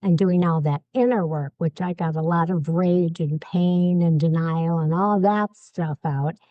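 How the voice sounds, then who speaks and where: A woman guest tells her own story with lively, candid energy and acts out each voice she quotes. Her voice sits a little low, and the sound is close and dry with no room echo. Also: unhurried, narrow, tinny audio. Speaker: podcast guest.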